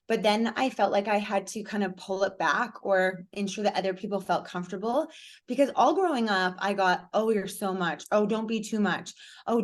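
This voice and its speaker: This woman has a hoarse, raspy, mid-range voice and talks with lots of energy. She's a speaker and coach appearing as a podcast guest, telling lively, candid stories during an interview conversation.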